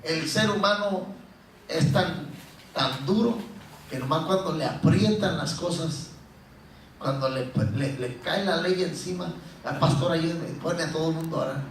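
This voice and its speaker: A middle-aged man preaching a sermon as pastor, telling stories in an animated way and acting out pleading voices. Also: fairly high pitch, measured pace, slight background noise. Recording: roomy echo from a distance.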